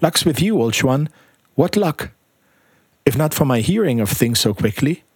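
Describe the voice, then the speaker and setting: A man reading aloud, voicing a heavy-jowled man who talks loudly and boastfully. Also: medium pitch, very animated, normal speed, breathy edge, dry recording, clean studio sound. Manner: loud and boastful.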